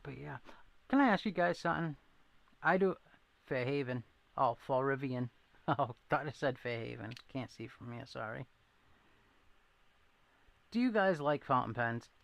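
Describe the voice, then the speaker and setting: A man's voice: mid-range voice, lively intonation, unhurried, creaky, long pauses, fairly bright tone. A man hosting a casual live stream, rambling and chatting with viewers and answering their comments. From southeastern Massachusetts. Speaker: livestream host.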